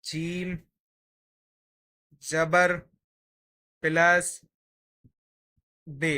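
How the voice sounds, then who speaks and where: A teacher gives a patient, step-by-step Urdu writing lesson, sounding out each letter while writing it. The voice is medium-pitched, bright and forceful.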